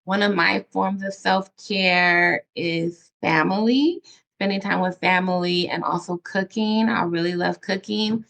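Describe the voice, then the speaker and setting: Gravelly-voiced enthusiastic woman host. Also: on the low side, measured pace, a bit bright. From San Francisco Bay Area. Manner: enthusiastic, effusive, many fillers. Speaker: interview host. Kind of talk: casual video interview.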